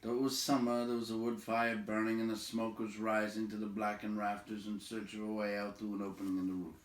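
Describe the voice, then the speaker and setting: An audiobook reader, a man, narrates a storybook aloud in a fairly low, monotone voice at a brisk pace. The recording is in an echoey room, with him slightly far from the mic.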